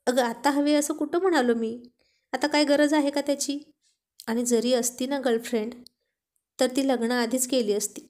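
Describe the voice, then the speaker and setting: A woman's voice: sits high, fairly even intonation, normal speed, darkish tone, close to an everyday voice. A woman reading the lines of an affectionate young husband, playful and teasing.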